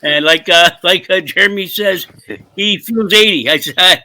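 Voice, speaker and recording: A man's voice: sits high, moderate pace, bright, forceful tone, dry recording. A man in his seventies, a regular panelist, bantering and teasing on a casual podcast. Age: 70s. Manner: teasing, laughing, gruff banter.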